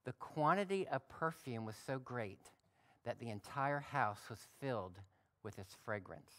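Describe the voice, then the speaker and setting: A male pastor giving a sermon, reading scripture aloud and adding relaxed, folksy asides. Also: medium pitch, measured pace. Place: church.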